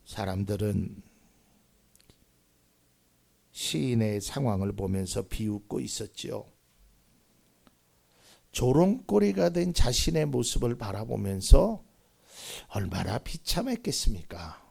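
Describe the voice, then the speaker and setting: A man preaching a sermon as pastor. He shifts from hushed whispers to loud, emphatic cries and keeps asking the congregation questions. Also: fairly low pitch, very animated, takes it slowly, creaky, pauses often, slightly rough.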